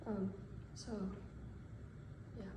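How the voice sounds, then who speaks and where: A woman in her twenties giving a measured, earnest statement straight to camera. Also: dark tone, echoey room, a little hiss or hum, low-quality recording. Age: 20s.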